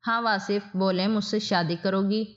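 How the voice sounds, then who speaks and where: A woman voicing a kind young male lawyer in a spoken story, with gentle, reassuring lines. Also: medium pitch, steady tone, lightly acted. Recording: dull lo-fi audio.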